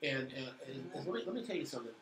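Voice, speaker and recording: A man co-hosting a local civic live stream, talking fast and heatedly, repeating words and turning sarcastic. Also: medium pitch, lively intonation, fairly bright tone. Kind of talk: impassioned casual talk. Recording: echoey room with faint background noise.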